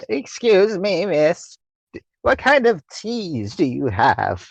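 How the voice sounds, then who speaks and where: A woman playing a prim, polite female adventurer in a tabletop game, asking for tea in a genteel, lowered voice. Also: big pitch swings, slow, gravelly, no room sound, full character voice.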